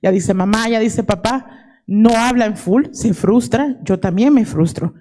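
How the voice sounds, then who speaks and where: A woman's voice: fairly high pitch, measured pace, mellow. Earnest woman sharing a personal testimony. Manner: earnest, emotional, mixes English words into Spanish. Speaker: audience member giving testimony. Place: conference hall.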